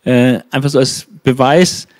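A man retelling a Bible passage in the first person as if he were the prophet. He mixes casual asides full of fillers with slower, raised declaiming of the quoted speeches. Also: mid-range voice, fairly even intonation, darkish tone, no echo. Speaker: Bible teacher.

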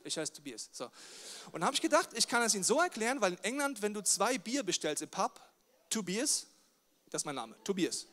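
A man, a pastor, giving a lively sermon, joking and firing questions at the congregation. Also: sits high, brisk. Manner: animated, jokey, talks straight to the crowd with questions. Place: church service with a live audience.

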